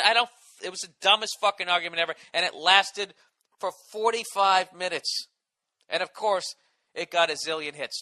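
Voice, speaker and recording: A man's voice: sits high, sharp tone. A man in his forties with a Boston accent, ranting and swearing on his solo podcast, exasperated. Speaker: podcast host.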